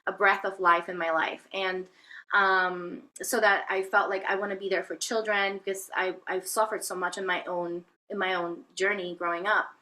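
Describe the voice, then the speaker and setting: In a reflective interview, a spiritual healer from Venezuela tells her life story with lots of fillers, hesitations, and false starts. Her mid-range voice is bright and forceful but flat in delivery, at a normal pace.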